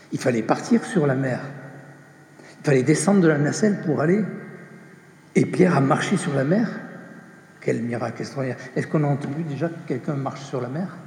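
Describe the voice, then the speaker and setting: A man preaching a slow, measured sermon, dropping softly when he quotes scripture. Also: mid-range voice, a little hiss or hum. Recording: echoey hall with long reverb.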